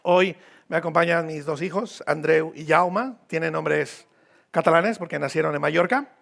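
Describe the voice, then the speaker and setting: A man's voice: a little high, normal speed, gravelly, fairly bright tone. A man from Mexico with a Mexican accent, preaching a sermon as a visiting pastor in a church, informal and joking, repeating phrases for emphasis. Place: church hall.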